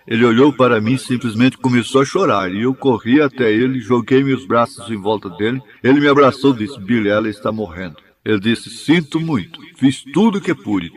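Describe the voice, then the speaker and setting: A man giving a measured, even reading of a translated sermon. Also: medium pitch. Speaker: sermon interpreter.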